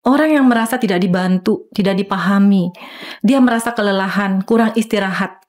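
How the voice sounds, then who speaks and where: A woman's voice: mid-range voice, a little fast, darkish tone. A middle-aged woman doctor speaks in an earnest, explanatory way as a podcast guest. She walks through her points patiently and slips into the voices of the people she quotes.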